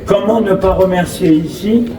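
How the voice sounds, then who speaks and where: A man from France, serving as a local official, gives an inauguration speech over a public address in an outdoor school forecourt. His voice is high, and his phrasing formal and measured as he reads from notes, with ad-libbed asides. The recording is roomy and echoey, captured by a distant mic with clear background noise.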